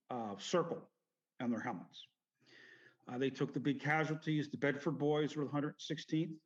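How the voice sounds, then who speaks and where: A middle-aged man with a somewhat high-set voice is being interviewed as a veteran. He rambles through his recollections, pausing and correcting himself as he goes. The sound is muffled and lo-fi. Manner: halting, meandering, self-correcting. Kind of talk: rambling personal storytelling interview. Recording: dull lo-fi audio.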